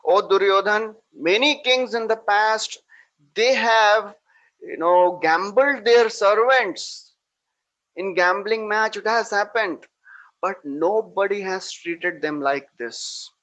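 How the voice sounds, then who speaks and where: A furious, mighty warrior prince, as a teacher puts him on thunders his outrage in a raised, higher voice. The declaiming is loud and indignant, a storyteller's epic hero. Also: takes it slowly, few pauses, rough recording.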